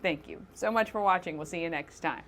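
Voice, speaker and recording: Bright-voiced, chatty woman show host. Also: lowish voice, a little fast, slight background noise. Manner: upbeat, chatty, coos at animals. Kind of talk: morning show host segment.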